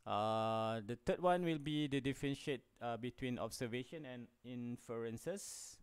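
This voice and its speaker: Malaysian man lecturing with halting pauses. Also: medium pitch, clean tone. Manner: halting, many fillers, switches into Malay. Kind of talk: recorded lecture.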